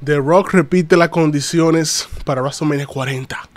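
A man recaps wrestling on a live stream, lively and chatty as he greets his chat. His voice sits a little high, and the recording is close and dry, with no room echo. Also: normal speed.

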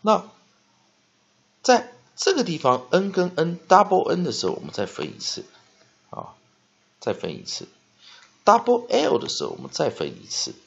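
A man teaching spelling and pronunciation, dotting his speech with "ah" and "ha" and slowly drawing out words to model them. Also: high voice, huge pitch swings, vocal fry, breathy edge. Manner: frequent "ah" and "ha" fillers, slow drawn-out modeling of words. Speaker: English teacher. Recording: dull lo-fi recording.

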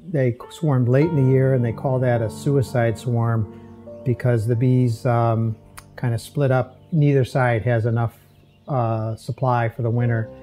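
Mellow-voiced older man explaining beekeeping. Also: medium pitch. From upstate New York. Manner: relaxed, halting with fillers. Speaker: amateur beekeeper. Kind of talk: casual explanation while working. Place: outdoors in a backyard apiary.

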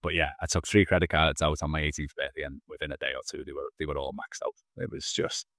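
A man in his thirties, a podcast guest on a video call, earnestly tells his own story, often restarting his words, in candid personal storytelling. His voice is extremely low and fairly bright, with fairly even intonation and fast talking. He's in a small indoor room wearing headphones, and the sound is studio quality with no room sound.

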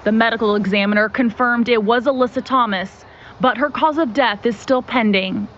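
A woman field reporter narrating a local TV news story in a measured, clear delivery. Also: a little high, fairly bright tone, muffled recording, a little hiss or hum.

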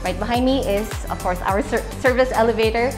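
A young woman with a high, bright voice leads a walking house tour, upbeat and salesy, calling her viewers "guys". She speaks through a lapel mic as she moves through bare rooms, and the sound rings with roomy echo. Soft music plays underneath. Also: brisk. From Philippines. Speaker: real estate tour host. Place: large empty townhouse interior, indoors.

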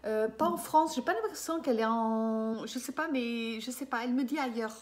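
A medium in her fifties holds a live client reading through a webcam at her desk in a small room. Her voice runs somewhat high at a moderate pace, and she hesitates a lot, leans on fillers, and checks in with the person she's reading for.

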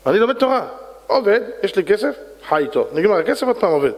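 A man's voice: sits high, sing-song, long reverb tail. A man, a rabbi, telling a story in a sermon and acting out its characters in voices. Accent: Israeli Hebrew.

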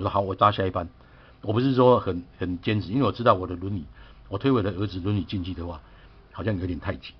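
A man's voice: low voice, breathy edge, lo-fi sound. A middle-aged man telling a personal story in a chatty, aggrieved way, often asking his listener to agree. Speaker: vlogger.

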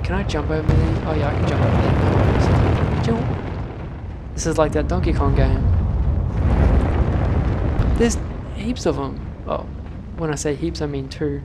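A man commentating gameplay, swearing constantly and shouting at sudden deaths in a noisy home recording. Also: a little high. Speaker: let's play gamer.

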